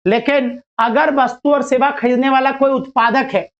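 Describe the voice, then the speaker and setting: A man's voice: very high voice, fairly even intonation, moderate pace, muffled recording. A male teacher giving a casual lecture to students, chatty and playful, acting out little dialogues as he explains.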